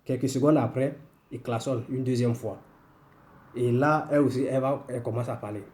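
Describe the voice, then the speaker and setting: A man from the country's northwest, hosting a weekly language lesson and telling a story at an unhurried pace with many filler pauses. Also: medium pitch, fairly even intonation, darkish tone, slight background noise. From northwest Côte d'Ivoire. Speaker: host and language teacher.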